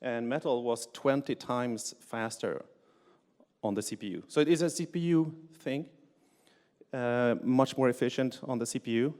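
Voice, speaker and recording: A game engine developer from Sweden, middle-aged, delivers a technical talk on a conference stage in a medium-pitched, slightly mellow voice at a moderate pace. His explanations are plain and riddled with "uh" fillers and restarts, echoing with the long reverb of a lecture hall.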